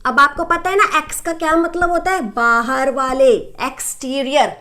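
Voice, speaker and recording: A woman's voice: sits high, steady tone, moderate pace, sharp tone. A young Indian woman teaching a maths lesson, explaining step by step in Hindi mixed with English terms and often checking in with "right?".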